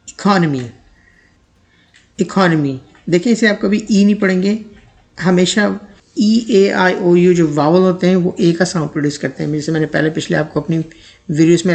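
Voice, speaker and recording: A man teaching English pronunciation, speaking slowly and deliberately on the model words and example sentences. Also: sits high, creaky, a little mellow.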